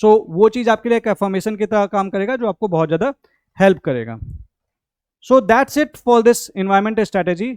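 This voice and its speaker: A man's voice: high voice, lively intonation, moderate pace, a little mellow, clear, resonant tone, no room sound, studio quality. A young Indian man, a coaching teacher, explaining a study strategy in a conversational, instructive way, mixing Hindi and English.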